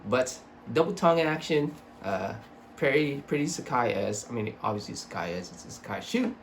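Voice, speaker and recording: A young man talks like a casual vlogger with a slight slur from his braces. He rambles and swears, putting himself down as he reviews, in a middle-pitched voice. Faint noise from the room sits behind him. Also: expressive, normal speed. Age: young adult. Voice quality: slightly slurred speech from braces. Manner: sweary, self-deprecating, rambling. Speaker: sneaker reviewer. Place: small home room with computer desk.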